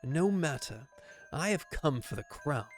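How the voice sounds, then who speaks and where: A man voicing a stern, honorable swordsman from a video game in a low gravelly growl, with grave, archaic, formal phrasing. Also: expressive, a little slow, soft background music. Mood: menacing, grave. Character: stern, honorable swordsman reading out threats to a knight. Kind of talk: video game dialogue read aloud.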